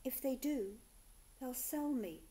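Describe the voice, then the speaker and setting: Woman voicing a frightened young boy, high and urgent. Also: lively intonation, slow pace. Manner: urgent hushed pleading.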